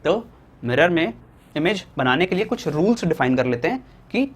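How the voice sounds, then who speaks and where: A young Indian man teaching a physics lesson at a board, asking questions and answering them himself, slowing down to dictate definitions. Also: fairly high pitch, big pitch swings, husky. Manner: asks students questions and answers them himself, repeating key points.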